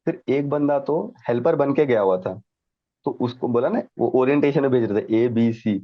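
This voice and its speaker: A man's voice: medium pitch, moderate pace, no room sound, muffled recording. A man telling stories as an interview guest, laughing often and mixing in English phrases. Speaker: guest, defence exam candidate. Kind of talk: casual storytelling chat.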